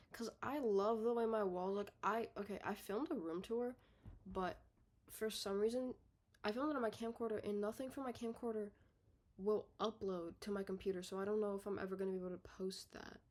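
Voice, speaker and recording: A young woman in her own bedroom, rambling in a casual, unedited video diary. She is out of breath, swears casually, corrects herself often and lets her sentences trail off softly. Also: medium pitch, fairly even intonation, normal speed. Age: young adult. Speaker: vlogger.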